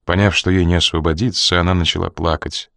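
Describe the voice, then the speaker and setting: A man reading an audiobook in a measured, expressive narration. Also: sits low, vocal fry, dry recording, clean studio sound. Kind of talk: scripted narration.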